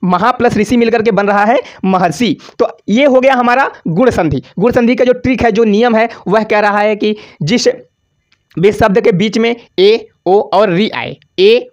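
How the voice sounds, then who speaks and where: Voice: mid-range voice, a little slow. A grammar teacher giving an exam-prep lesson over slides, asking the class questions and answering them, stretching out syllables on examples and repeating key words. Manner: casual, addresses students as "bhaiya".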